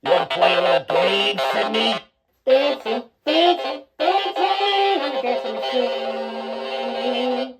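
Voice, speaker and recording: A vlog host playing a goofy Godzilla, his voice run through a toy mask's voice changer that morphs its pitch. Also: sing-song, slow, over loud music, heavily acted. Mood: goofing around. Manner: playful, goofy. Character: male Godzilla speaking through a toy mask. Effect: toy mask voice changer, morphing pitch.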